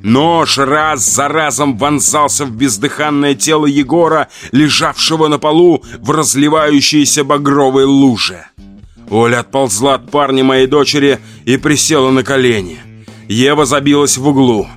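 A man's voice: mid-range voice, moderate pace, a bit bright, soft background music. A man reading a first-person horror audiobook in a somber, tense storytelling manner. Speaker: audiobook narrator.

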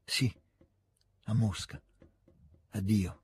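A man reading a novel aloud and voicing a weary, brooding nobleman who answers in halting, subdued phrases. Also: medium pitch, fairly even intonation, warm tone, slightly rough, dry recording.

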